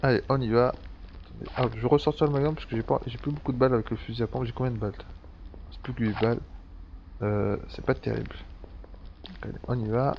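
A man's voice: mid-range voice, fairly even intonation, fast, creaky, pauses often, a little hiss or hum. Chatty swearing French let's-play man. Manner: chatty, swears a lot, thinks aloud. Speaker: gameplay commentator. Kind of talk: casual let's-play commentary. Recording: dull lo-fi sound with faint background ambience.

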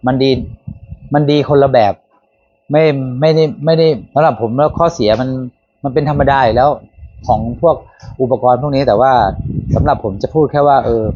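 A relaxed man chats casually while he shows off his tools, correcting himself and filling pauses as he goes. His voice sits at an ordinary middle pitch. The sound is a little dull and lo-fi. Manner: relaxed, chatty, with fillers and self-corrections. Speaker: handyman channel host. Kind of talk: casual demo talk. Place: workshop or garden.

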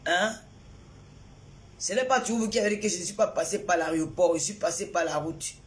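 A woman's voice: lowish voice, a little fast. Woman live-streaming to followers. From Cameroon. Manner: greets viewers by name between remarks; indignant, repetitive rhetorical questions. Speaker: social media personality.

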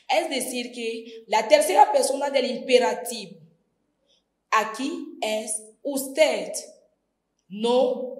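A woman teaching a distance-learning grammar lesson, slowly and deliberately spelling out each verb form. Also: on the high side. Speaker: Spanish teacher. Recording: echoey room.

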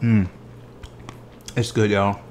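A man's voice: lowish voice, flat delivery, slow pace, a little mellow, slight background noise. A man in his thirties talking chattily as he tastes desserts at home, savoring each bite with exuberant delight. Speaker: food vlogger. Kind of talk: dessert tasting vlog. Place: living room at home.

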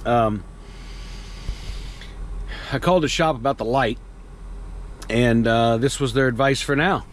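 A man in his fifties chats casually to a camera mounted in his truck cab, wandering from one thought to the next with plenty of ums and uhs. His voice sits at an ordinary middle pitch. A faint hum of vehicle noise runs underneath. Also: measured pace. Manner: rambling, conversational, many fillers. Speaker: truck driver vlogger. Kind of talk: casual vlog monologue. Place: truck cab at night, earlier outdoors at a loading yard.

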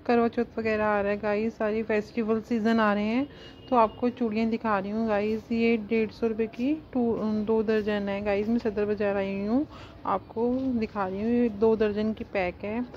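A cosmetics channel vlogger films a casual shopping vlog while walking through wholesale market stalls, pointing out goods and prices and chatting constantly, with frequent repetitions of "guys" and "very pretty." Her mid-range voice is darkish and fairly flat in pitch at a normal pace. The recording has the highs cut off and a faint hiss or hum.

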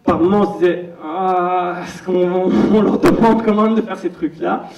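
A chatty man, a film director, speaks casually and pokes fun at himself. His voice sits fairly high and has a gravelly edge. He sounds distant and dull in an echoing hall. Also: level tone, unhurried, heavy background noise. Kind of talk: casual talk at a premiere Q&A.

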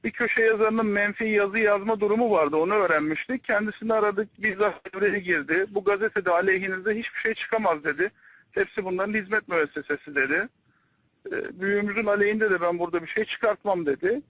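A man's voice: high-pitched, brisk, fairly bright tone, no room sound, rough recording. A man speaking respectfully over a landline phone, reporting to a superior in a recorded private call. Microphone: telephone line.

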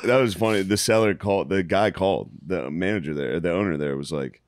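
A man in his thirties co-hosting a podcast, riffing with a drawling, deadpan manner in casual comedic banter. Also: sits low, fairly quick. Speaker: podcast co-host.

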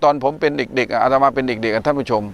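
Monk host, male, from northeastern Thailand. Chatty storyteller with lots of "er" fillers, mid-pitched and smooth. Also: very fast. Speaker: Buddhist monk hosting the show. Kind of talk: casual discussion on a religious TV program.

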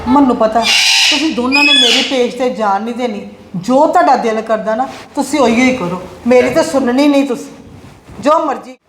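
A woman's voice: fairly high pitch, normal speed, natural voice. Woman playing a strict scolding mother. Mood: pleading. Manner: scolding, lecturing, exasperated. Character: strict frugal mother of two sons. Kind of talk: family drama acting. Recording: echoey room with faint noise.

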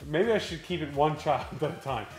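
A man's voice: a little high, brisk, faint music behind. A man hosting a card-opening vlog, reading out prices and laughing at the chaos of his kids around him. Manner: exasperated, lively, laughing at chaos. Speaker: channel host opening trading cards.

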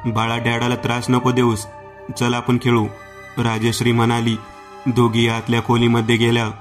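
Male horror storyteller, Marathi accent, very flat even delivery, faint music under it. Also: mid-range voice, normal speed. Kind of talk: scripted horror story narration.

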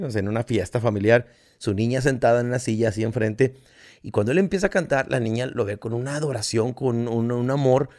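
A man's voice: mid-range voice, darkish tone. Middle-aged Mexican man, casual podcast co-host; crude jokes, acts out dialogue. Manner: crude, joking, acts out quotes. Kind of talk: casual chat.

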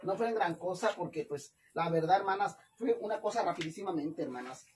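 A man's voice: high-pitched, lively intonation, a little fast, a little hiss or hum. A man with a Mexican accent chatting casually while he cooks on camera, playful and campy, and he laughs often. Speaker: vlogger cooking on camera. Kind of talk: casual live cooking chat.

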